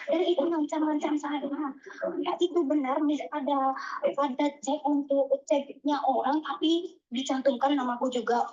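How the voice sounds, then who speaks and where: A woman with a very high voice calls in over a dull, muffled line. She talks haltingly and pleads, restarting her sentences as she explains herself. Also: a little mellow. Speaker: caller, migrant domestic worker. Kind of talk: phone call recounting a scam.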